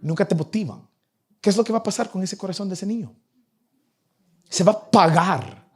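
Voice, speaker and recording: A young man preaching a sermon to his church, animated and acting out the people in his stories. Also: sits high, moderate pace, husky. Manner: animated, acts out nagging parents in a raised voice. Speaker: pastor. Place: church in Vancouver.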